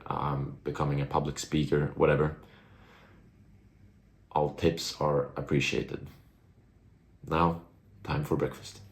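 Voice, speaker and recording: This vlogger is a Swedish man in his twenties whose first language is Swedish, with a very deep, slightly mellow voice and no echo. Talking casually to the camera, he reflects and muses on life and his goals, motivating himself as he goes.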